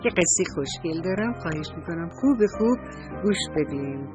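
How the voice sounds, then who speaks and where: A woman telling a bedtime story to young children in a sweet, affectionate, slow sing-song way. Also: fairly low pitch, expressive, highs cut off, music in the background.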